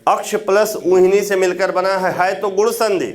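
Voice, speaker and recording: A man teaching Hindi grammar for exam prep, explaining step by step, repeating key words for students to note and checking in with quick questions. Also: high-pitched, steady tone.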